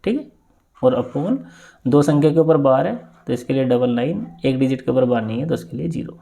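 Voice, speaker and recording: A man teaching an exam-prep maths lesson, explaining step by step and often asking if it is clear. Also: medium pitch, a little fast. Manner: steady step-by-step explaining with frequent check-in questions.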